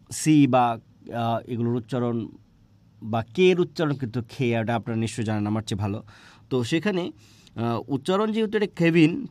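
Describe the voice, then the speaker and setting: A man's voice: on the high side, a little mellow, no echo. A man teaching an exam-prep grammar lesson, asking questions and answering them himself, with frequent hesitant fillers. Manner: explains slowly, with frequent "ah" fillers and restarts.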